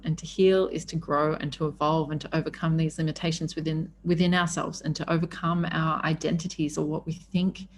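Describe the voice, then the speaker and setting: A woman's voice: sits low, darkish tone, slight background noise. A woman hosting a podcast, speaking in a candid, effusive personal monologue with emphatic phrasing, stretching words for emphasis. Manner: effusive, emphatic, swearing freely. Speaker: podcast host.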